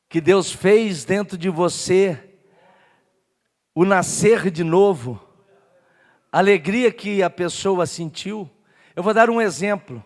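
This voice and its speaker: A Brazilian man preaching a sermon as pastor, telling a story and building up to shouted passion. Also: high voice. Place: church. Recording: long church hall reverb.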